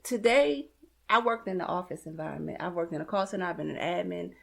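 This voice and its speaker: A woman, a guest on an interview show, telling a personal story in a lively way and acting out the conversations she had. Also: on the low side, fast talker, vocal fry. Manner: retells events with lots of "like" and acted-out dialogue.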